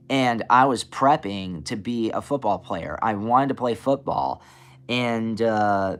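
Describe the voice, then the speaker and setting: A young blues and soul singer with a raspy, lowish voice talks casually in an interview, with many fillers and restarts.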